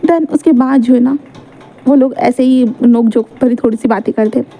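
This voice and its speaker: A woman's voice: fairly high pitch, steady tone, moderate pace, dark tone, rough recording. A woman casually narrating a romance fan fiction story. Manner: casual retelling with fillers.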